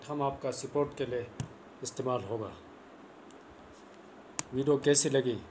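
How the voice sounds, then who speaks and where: A man's voice: mid-range voice, fairly even intonation, measured pace, background noise. A young man, giving a plain, repetitive cricket bowling tutorial into a lapel mic in a small room. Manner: plain, repetitive, earnest instruction. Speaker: cricket coach vlogger. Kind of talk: casual spoken tutorial. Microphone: clip-on lapel mic, phone camera close.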